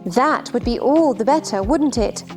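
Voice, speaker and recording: A giddy, scatterbrained queen, pitched high and swooping all over. She is fussy and fluttery, helpless yet insistent, in theatrical storybook style. Faint music plays behind her. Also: expressive, unhurried, a little mellow. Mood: airy, matter-of-fact. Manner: fluttery, nonsensical insistence, crying out. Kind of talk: theatrical children's storybook drama.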